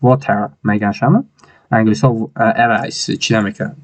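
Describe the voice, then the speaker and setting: A man with a Tajik accent teaching an English lesson, repeating each phrase slowly word by word. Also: lowish voice, fairly even intonation.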